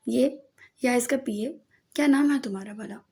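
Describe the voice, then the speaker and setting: A woman's voice: fairly high pitch, normal speed, creaky, darkish tone. A woman voicing a mischievous, teasing young man in an audiobook novel, with a playful manner.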